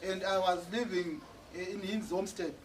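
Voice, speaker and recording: A man's voice: sits high, steady tone, normal speed. A man interpreting a church testimony line by line, sometimes hesitating and repeating words. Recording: distant mic with noise.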